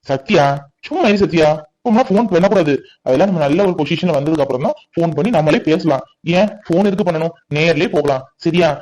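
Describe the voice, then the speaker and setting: A man's voice: fairly high pitch, animated, quick pace, a little mellow, rough recording. A man playing a protective young husband who reassures his wife firmly. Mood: reassuring. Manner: firm, reassuring, bossy. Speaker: actor. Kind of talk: family comedy-drama acting.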